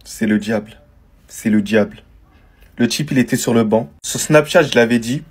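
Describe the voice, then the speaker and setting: A man's voice: medium pitch, moderate pace, husky. A man giving casual football commentary, talking to his viewers and repeating his points for weight.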